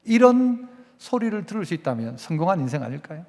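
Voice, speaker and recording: A man's voice: on the high side, sing-song, fast talker, a little mellow. A male pastor preaching a sermon, emphatic and repeating his exhortations. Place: church sanctuary. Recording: long reverb in a church hall.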